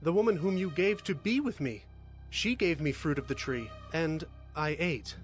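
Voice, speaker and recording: An actor playing a fearful, defensive first man in a dramatized audio Bible, anxious and hurried. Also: on the high side, lively intonation, soft background music, lightly acted.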